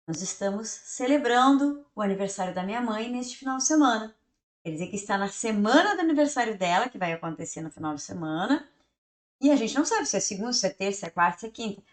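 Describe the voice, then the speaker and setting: A woman whose first language is Portuguese, teaching an English grammar lesson, reading English examples slowly and then translating them. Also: mid-range voice, a bit bright, reverberant.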